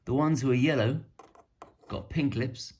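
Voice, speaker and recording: A man's voice: mid-range voice, unhurried, darkish tone, slight background noise. A man casually showing off his painted miniatures, rambling and self-deprecating. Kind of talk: casual hobby show-and-tell.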